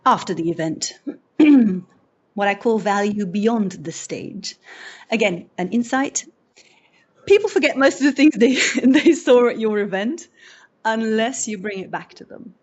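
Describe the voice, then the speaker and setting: An event host from Belgium whose first language isn't English delivers a conversational presentation in an unhurried, medium-pitched voice. The recording is muffled. Lively in manner, she performs little quotes and restarts sentences as she goes.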